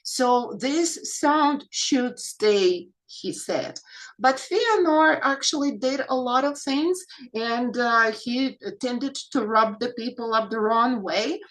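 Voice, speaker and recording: A woman's voice: a little high, slow pace, a bit bright, low-quality recording. A woman presenting an academic paper at a conference, posing rhetorical questions and hesitating often as she goes. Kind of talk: academic lecture.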